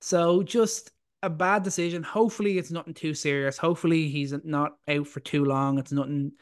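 A man with a slightly raised pitch speaks in a flat, even way on a casual basketball podcast. He trips over his first words, then settles into firm, plainly stated opinions. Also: moderate pace. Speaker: podcast co-host. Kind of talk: casual sports talk.

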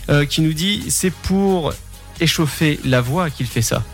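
A man's voice: fairly high pitch, unhurried, soft background music. A man hosting a casual game show, teasing and joking with plenty of laughter. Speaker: host.

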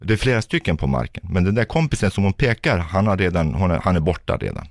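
A man's voice: deep voice, big pitch swings, no echo, studio quality. A man, a physiotherapist, vividly recounting a tense experience as a guest, acting out what people said. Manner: vivid, intense retelling, acts out dialogue. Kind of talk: personal storytelling in a podcast.

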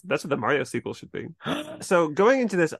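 A podcast host from New England with an American accent leads a casual discussion in an easygoing, reflective way. His voice is a little high and creaky, with wildly swooping pitch and a brisk pace, recorded in a clean studio with no room sound.

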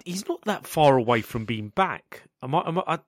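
A man with a gravelly, coughy voice from being sick, hosting a casual football chat and often stumbling and repeating his words. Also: mid-range voice, animated, moderate pace, dry recording, studio quality. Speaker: football podcast host.

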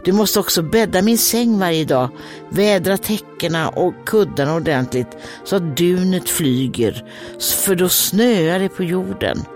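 A woman voicing an old fairy-tale woman with big teeth who coaxes a girl to stay, in a sugary high voice. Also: lively intonation, a little mellow, faint music behind, close to an everyday voice. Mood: coaxing.

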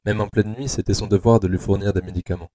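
A man narrating an audio adaptation of a dark novel in a slow, measured, tense way. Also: lowish voice, steady tone.

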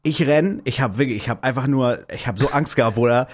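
A young man co-hosting a podcast, telling a story excitedly in slangy casual chat. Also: medium pitch, fairly quick. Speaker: podcast co-host.

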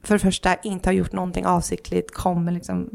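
Gravelly low-voiced woman telling a story. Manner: animated, acts out others' lines in quotes; heavy use of fillers like "liksom" and "du vet". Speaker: podcast co-host. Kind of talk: casual conversational storytelling.

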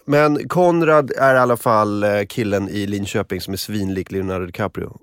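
A man's voice: lowish voice, clean tone, no room sound, clean studio sound. A man co-hosting a casual morning podcast, rambling through anecdotes with lots of fillers and swearing. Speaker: podcast co-host.

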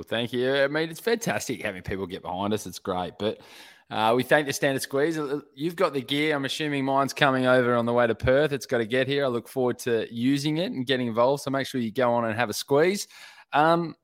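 An Australian man hosts a casual sports podcast. His voice sits at an average pitch, and he talks in an informal, chatty way. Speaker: podcast co-host.

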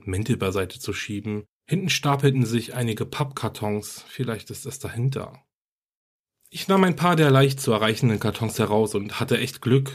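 A man with a deep, slightly breathy voice reads a horror story aloud. His delivery is calm and steady, like a podcast narrator easing listeners into a creepy night tale.

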